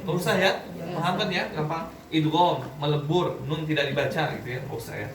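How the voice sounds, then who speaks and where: A high-pitched man teaching a Quran recitation class, quizzing students and checking that they follow. He sounds far from the recorder in an echoey room. Faint background noise runs underneath. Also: brisk. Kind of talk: classroom tajwid lesson.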